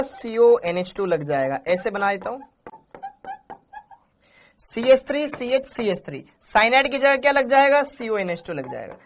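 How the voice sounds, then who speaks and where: A man's voice: very high-pitched, a bit bright. A man teaching chemistry in a live online class, chatty and repetitive, calling his students beta and praising them by name. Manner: chatty, calls students beta, repeats answers.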